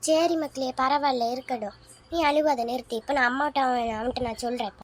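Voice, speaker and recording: A stern mother figure laying down the law to her kids, as a child acts her out in a high, rapid voice. The talk is firm and scolding, the feel of a homemade family skit, with a faint hiss of noise behind it. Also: steady tone, natural voice.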